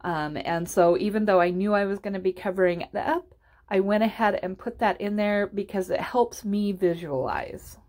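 A woman's voice: medium pitch, steady tone, normal speed, darkish tone. A woman giving a casual instructional voice-over as a tutorial host, explaining step by step in an encouraging way.

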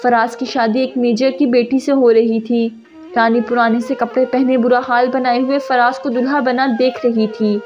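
A woman narrates a sad story in a steady, emotive reading. Her voice is high, the recording is dull and lo-fi, and music plays throughout. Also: moderate pace.

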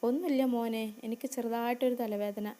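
A long-suffering young wife soothes and pleads in a soft, meek manner, as a woman narrator puts her on. The voice sits somewhat high and warm. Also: steady tone, brisk, natural voice.

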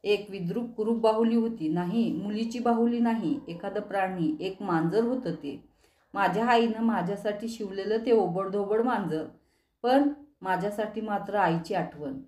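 A woman reading as a worn-out man telling a vision in halting, shaken words, for an audiobook. The voice is mellow and soft-edged. It sits in a roomy, echoing space. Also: medium pitch, natural voice. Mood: haunted. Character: exhausted man recounting a vision.

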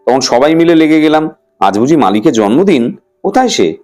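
A fond young mother in a storybook reading, speaking higher than the reader's own voice with a lively, rising lilt , as a man puts her on. She sounds gently surprised and affectionate. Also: fairly quick, soft background music. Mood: fond surprise.

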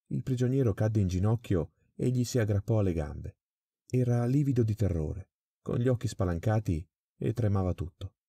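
A man narrating a classic crime story in a measured, dramatic way. His voice is deep and mellow, recorded close and dry. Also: slightly rough, dry recording. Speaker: audiobook reader.

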